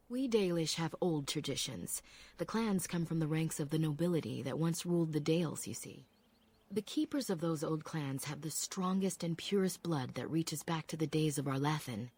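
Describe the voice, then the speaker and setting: An actress playing a calm, proud elf apprentice who speaks in a measured, reflective way with a low husky voice, from a game. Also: female voice, heavily acted.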